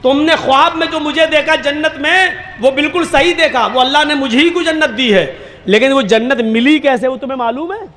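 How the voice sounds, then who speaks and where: A man voicing a crafty old pir who smoothly talks his way out of trouble. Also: very high voice, brisk, bright, forceful tone, reverberant, slight background noise, voice pushed up. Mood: self-assured. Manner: smooth, self-assured.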